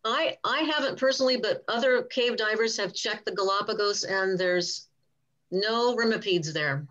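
An older woman scientist answering questions in a relaxed, rambling way over a video call. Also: medium pitch, moderate pace, dull audio. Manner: chatty, rambling, self-correcting. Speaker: guest speaker, cave diving scientist.

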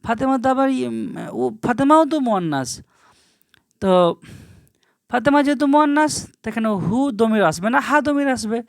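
An Arabic teacher in a recorded grammar lesson who reads example phrases slowly and carefully, then explains them. The teacher often asks the class a question and answers it right away. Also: medium pitch, expressive, no room sound, clean studio sound.

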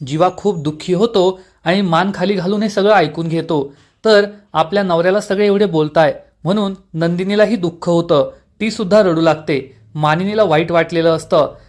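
A man with a high voice for his sex narrates a serial recap. He hypes each twist dramatically and retells every scene in turn. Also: normal speed.

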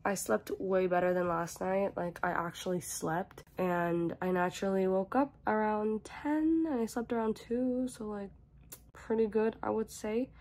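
A woman's voice: mid-range voice, unhurried, a little mellow. A young woman vlogging casually from her bedroom while sick, with a stuffed-up nose and a rambling, filler-heavy way of talking. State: congested from a cold. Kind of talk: casual vlog chat. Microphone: camera mic in a bedroom. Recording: guitar music behind the voice.

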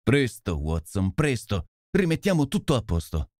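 A man voicing a sharp detective who gives firm, urgent orders. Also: lowish voice, wildly swooping pitch, measured pace, no echo, studio quality. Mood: commanding, urgent. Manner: commanding, urgent. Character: sharp, commanding male detective.

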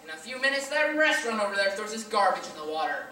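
A woman acting a brash male con man who stages fake drownings, pitching with pushy salesman patter on a school stage. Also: very animated, fast talker, sharp tone. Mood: huffy. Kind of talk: high school stage play. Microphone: far camera. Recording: echoey hall from far off.

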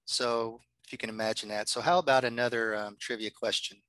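A man's voice: mid-range voice, steady tone, brisk, bright, forceful tone, dry recording, rough recording. A man, a university librarian, giving a chatty workshop presentation over a video call from his home office, with frequent ums and uhs.

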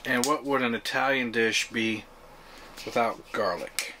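An easygoing man talks through his evening on a pontoon boat, chatting loosely and pausing on filler words. His voice sits in an ordinary middle pitch. A faint outdoor hiss runs under the recording. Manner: relaxed, chatty, many "uh" fillers. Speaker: outdoor vlogger. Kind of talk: casual camping vlog talk.

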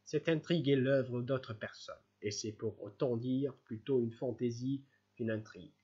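Homme lisant un employé obséquieux et rusé. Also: male voice, mid-range voice, a little slow, mellow, slightly rough, dull audio. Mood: pleading. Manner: wheedling, self-abasing pleading. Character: fawning scheming middle-aged male clerk.

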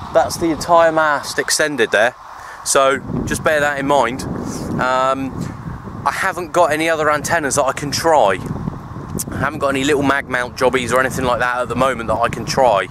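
A radio hobbyist vlogger chats easily and rambles in an outdoor vlog shot on a handheld camera at arm's length in windy, open parkland. His mid-range voice is steady at normal speed, and the camera audio is noisy with wind.

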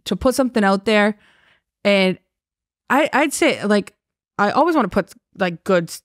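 A woman's voice: medium pitch, animated, moderate pace, no echo. Young woman, Boston accent, casual podcast guest, slangy and laughing, dry sound. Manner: slangy, laughs often, heavy use of "like" and "dude".

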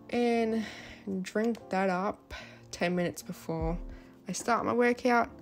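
A young woman with a lisp and slushy s sounds, narrating her daily routine in a chatty, informal vlog voice-over. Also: fairly low pitch. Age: young adult. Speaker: vlogger. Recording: background music. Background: music.

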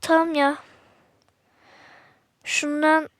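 Very high-voiced woman playing a shooter game. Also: level tone, very slow, no echo. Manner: slangy, talks to viewers, sudden frustrated outbursts. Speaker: gaming channel host. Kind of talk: casual gameplay commentary.

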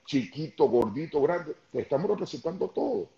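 A man's voice: fairly high pitch, big pitch swings, moderate pace, creaky, warm tone. A man in his fifties with a Venezuelan Spanish accent, a guest talking earnestly and emphatically on a video call. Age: 50s. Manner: earnest, emphatic, repeats words when starting. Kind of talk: casual chat on a video call. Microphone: headphones on a video call. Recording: echoey, dull lo-fi video call.

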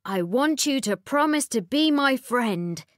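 A woman's voice: high voice, a little slow, no room sound, studio quality, voice pushed up. A woman doing a polite, patient talking frog. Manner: calm, reasonable, insistent.

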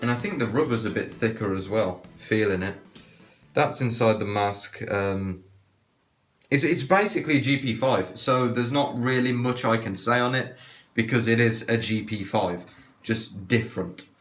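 A man's voice: medium pitch, normal speed. Man, through a cloth mask, casual hesitant reviewer, roomy echo, faint music behind. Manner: chatty, hesitant, trails off with fillers. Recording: echoey room.

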